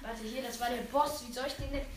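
A woman's voice: a little high, steady tone, fast, slight background noise. A woman chatting while playing a video game at home, goofy and teasing, with mock-dramatic complaints. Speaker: gamer. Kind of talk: casual chat while gaming. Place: living room at home. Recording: roomy echo.

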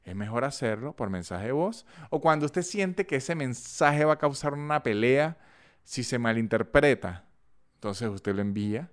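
Chatty Venezuelan Andean man, smooth voice. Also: medium pitch, normal speed. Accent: Venezuelan Andean (gocho). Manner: animated, chatty storytelling with acted-out voice notes. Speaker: podcast host. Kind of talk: casual podcast monologue.

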